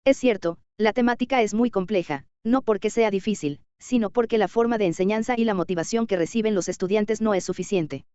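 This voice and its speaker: A woman reading a scripted lecture as a teacher, measured and slowing down for word examples. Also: medium pitch, mellow, smooth, no echo, lo-fi sound.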